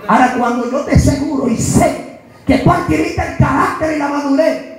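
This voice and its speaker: Impassioned high-voiced Dominican preacher, echoey hall. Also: male voice, moderate pace. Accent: Dominican Spanish. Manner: impassioned, swings from hushed asides to shouted emphasis. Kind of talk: sermon. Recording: echoey hall with music behind. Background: music.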